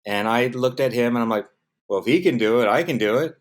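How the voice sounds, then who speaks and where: A middle-aged American man from San Diego, who works in film production, answers interview questions casually with anecdotes, animatedly acting out snippets of dialogue. His voice is medium-pitched and his pace quick.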